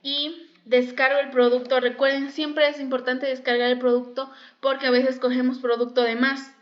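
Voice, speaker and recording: A woman's voice: high-pitched, little pitch movement, moderate pace. A woman teaching a makeup class, explaining step by step and often repeating herself. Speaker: makeup instructor. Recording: dull lo-fi sound.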